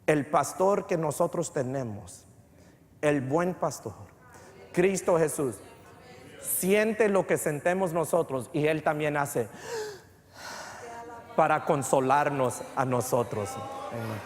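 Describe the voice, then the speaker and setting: Fervent high-voiced pastor in reverberant church. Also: male voice, takes it slowly, pauses often. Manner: mixes English phrases into Spanish; repeats words, builds to fervent emphasis. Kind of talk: bilingual church sermon. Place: church sanctuary.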